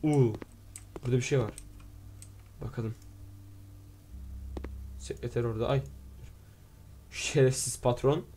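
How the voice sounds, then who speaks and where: A man hosting a gaming video, reacting excitedly, swearing playfully at the game and reading its text aloud as he plays. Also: mid-range voice, a little slow, long pauses, a little hiss or hum. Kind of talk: let's play commentary.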